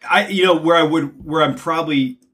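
A man's voice: on the high side, fairly bright tone. Rambling chatty man, church elder. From North Jersey, USA. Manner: rambling, self-deprecating, quick to laugh. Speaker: church elder, podcast co-host. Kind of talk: casual chat.

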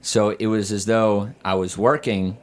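A man's voice: lowish voice, steady tone, a little slow. A hungover man chatting candidly and casually as a podcast guest, a bit hesitant and rambling.

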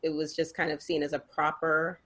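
A woman's voice: low voice, level tone, moderate pace, fairly bright tone. A young woman co-hosting a podcast, chatting casually and rambling with many fillers and restarts. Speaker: podcast co-host. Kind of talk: casual chat.

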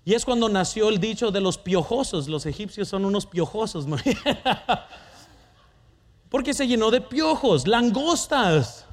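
Male preacher, high voice, lively storytelling sermon, questions to the congregation. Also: moderate pace, long pauses. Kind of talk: sermon with personal testimony.

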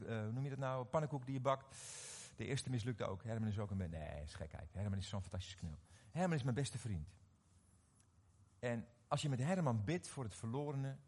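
A middle-aged man preaching a sermon, animated and often questioning his audience, repeating words as he restarts. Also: medium pitch. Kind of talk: sermon to a live congregation.

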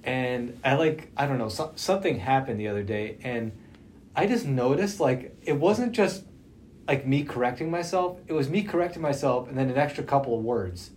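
A man's voice: medium pitch, expressive, moderate pace, darkish tone. A man hosting a casual podcast conversation, talking through a face mask so his voice comes out slightly muffled. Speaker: podcast host. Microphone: socially distanced podcast setup. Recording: muffled through mask, noticeable background noise.

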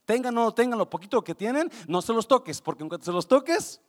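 Male pastor, high voice; animated preacher who mixes in English phrases. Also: fast talker. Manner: animated preaching, quizzing the congregation; drops English phrases into his Spanish. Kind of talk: sermon.

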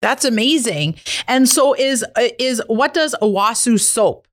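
A woman's voice: a little high, measured pace, no room sound, studio quality. A woman, interviewing in a casual, conversational and encouraging way.

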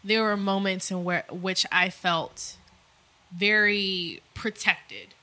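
A woman's voice: mid-range voice, steady tone, takes it slowly, sharp tone. A woman co-hosting a podcast, talking candidly and reflectively in casual chat, with some swearing. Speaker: podcast co-host.

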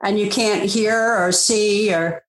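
A woman's voice: medium pitch, fairly even intonation, takes it slowly. A woman, a grandmother appearing as a guest, who keeps asking curious questions in a casual family chat. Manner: curious, asks many questions. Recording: roomy echo.

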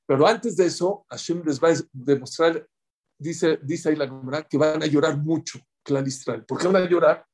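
Rabbi guy giving a torah class, kinda high voice, gets loud then goes quiet, talks right at the room. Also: moderate pace, few pauses, slightly rough. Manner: animated, swings pitch and volume for emphasis; speaks directly to listeners, acts out quoted voices.

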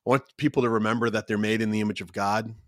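Low-voiced earnest man, dry sound. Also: steady tone, rapid-fire, a bit bright, no echo. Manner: earnest and encouraging. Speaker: guest. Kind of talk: conversational podcast talk.

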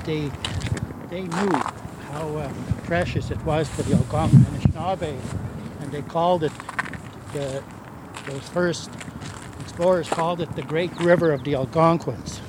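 An older man, an elder and spiritual advisor, speaking haltingly with many restarts on a walking tour by a river. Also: on the high side, steady tone. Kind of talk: spontaneous talk on a walking tour. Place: outdoors by a river. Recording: outdoor recording with loud background noise.

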